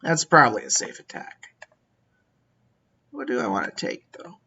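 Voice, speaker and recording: Playing a strategy game, a male commentator muses casually and talks to his units. His mid-range, husky voice swings widely in pitch, with a sharp tone and moderate pace, though the audio sounds dull.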